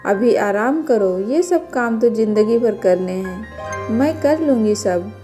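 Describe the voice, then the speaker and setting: A woman's voice: a little high, animated, slow pace, warm tone, soft background music. A woman voicing a kindly middle-aged mother-in-law who coaxes and dotes on her new daughter-in-law in a storybook tale. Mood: affectionate. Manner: affectionate, coaxing.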